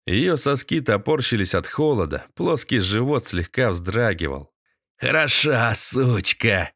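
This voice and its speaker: A man narrating an audiobook in a steady, dramatic reading. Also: lowish voice, moderate pace, no echo, studio quality. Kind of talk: scripted narration.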